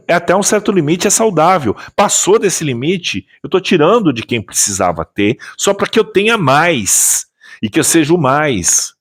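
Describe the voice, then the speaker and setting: A Brazilian man talking to his audience in an unscripted, emphatic way. His pitch swings widely, rising on pointed questions and sinking low as he makes his points, and he often restarts a phrase mid-sentence. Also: slightly rough. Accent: Brazilian Portuguese. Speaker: spiritual teacher and channel host. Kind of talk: casual spoken commentary.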